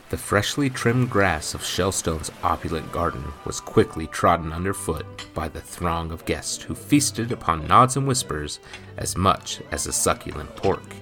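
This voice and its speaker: A man reading a story aloud as narrator, with an expressive, dramatic delivery. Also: sits low.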